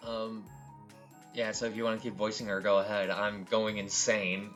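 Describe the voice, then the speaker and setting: A man co-hosting a visual novel read-through, mixing dramatic narration with casual, profane and excitable commentary. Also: fairly low pitch, moderate pace, soft background music. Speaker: co-host reading a visual novel aloud.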